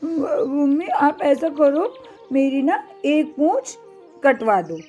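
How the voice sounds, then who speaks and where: A woman's voice: high-pitched, lively intonation, slow pace, dark tone, soft background music. A woman voicing a little boy mouse in a storybook tale, whining and pleading with his mother. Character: little male mouse child, whiny and pleading.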